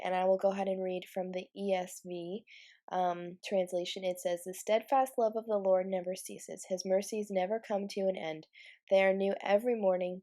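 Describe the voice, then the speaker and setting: A young woman with a cold talks casually through a Bible journaling craft video, her voice stuffy and nasal. She sounds warm and mid-range, chatting with fillers and light laughs in this relaxed tutorial voice-over.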